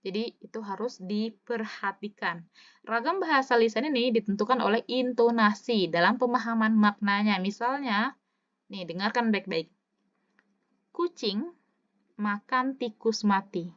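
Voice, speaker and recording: A woman teacher giving a recorded lesson, slowing down to read example sentences aloud and adding casual, chatty asides. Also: a little high. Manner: stretches words slowly when demonstrating intonation. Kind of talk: recorded online lecture. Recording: slightly dull lo-fi audio.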